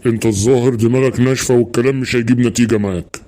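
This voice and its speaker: A man's voice: mid-range voice, fairly even intonation, rapid-fire, mellow, close to an everyday voice. A man voicing a worried, protective old grandfather in an Egyptian cartoon, speaking with an Egyptian Arabic accent in a pleading, fretful way. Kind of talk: Egyptian cartoon dub acting.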